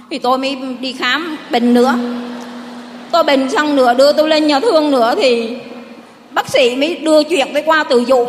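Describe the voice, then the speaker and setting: A middle-aged woman gives a rambling, heartfelt church testimony. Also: high voice. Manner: rambling, heartfelt storytelling with many restarts. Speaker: parishioner giving testimony. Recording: long hall reverb.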